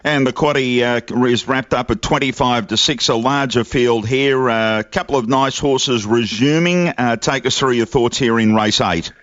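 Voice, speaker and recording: A man's voice: medium pitch, normal speed, hardly any pauses, fairly bright tone, no room sound. A man hosting a horse racing podcast in a conversational style. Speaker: podcast host. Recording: dry, slightly muffled lo-fi audio.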